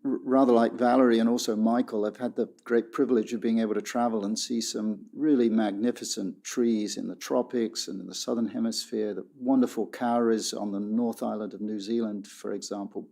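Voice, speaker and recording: A man speaking as a guest on a radio discussion, reflective and measured. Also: on the low side, steady tone, gravelly, dark tone. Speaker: guest expert.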